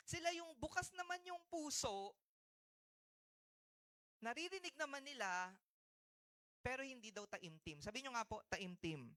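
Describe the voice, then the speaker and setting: A man's voice: very high-pitched, animated, unhurried, long pauses, sharp tone. A man in his thirties with a Filipino accent, preaching a sermon to a church congregation. He mixes Tagalog with English and keeps calling on the congregation to answer back. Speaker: pastor. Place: church sanctuary.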